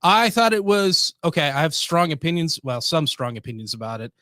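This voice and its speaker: A man co-hosting a casual podcast chat, talking in an easygoing, halting way. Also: a little high, very animated, pushed and bright, dry recording, clean studio sound. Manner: easygoing, halting with fillers and restarts. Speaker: podcast co-host.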